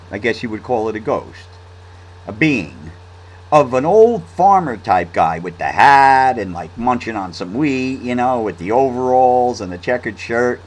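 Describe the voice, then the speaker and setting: A man's voice: mid-range voice, a little hiss or hum, rough recording. A man telling a story in a casual, rambling monologue, with restarts and fillers. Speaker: vlog host.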